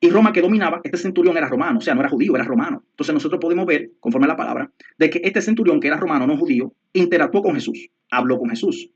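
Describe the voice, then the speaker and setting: A man's voice: on the high side, expressive, racing, hardly any pauses, husky. A man teaching the Bible like a preacher, explaining in a didactic way and repeating points for emphasis. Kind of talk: Bible teaching with scripture readings. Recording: dull lo-fi sound.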